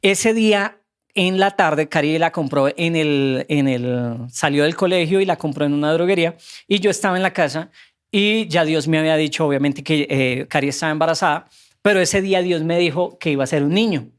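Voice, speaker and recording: A man's voice: a little high, fairly quick, clear, resonant tone. Earnest man telling a testimony. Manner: earnest, animated storytelling with acted quotes. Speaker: podcast guest. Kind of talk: testimony and faith exhortation.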